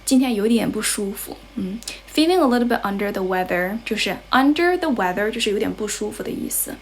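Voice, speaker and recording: A young Chinese woman with a Chinese accent who teaches English, chatting casually on a livestream from her grandmother's house. She keeps rephrasing and translating herself between English and Chinese, and she sounds a little unwell and low on energy. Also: lively intonation, fairly quick, a little hiss or hum. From China.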